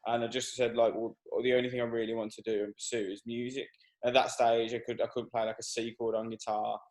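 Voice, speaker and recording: A man's voice: mid-range voice, level tone, fast, darkish tone. Chatty young man, lots of "like"s. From Birmingham, England. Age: 20s. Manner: rambling, many "like"s and fillers. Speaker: guest singer-songwriter. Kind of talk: casual radio interview.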